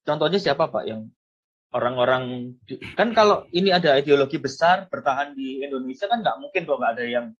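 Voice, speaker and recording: A man's voice: mid-range voice, animated, a little fast, husky. A man interviewing as a journalist, polite and deferential, often murmuring agreement. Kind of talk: conversational interview. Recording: dull lo-fi sound.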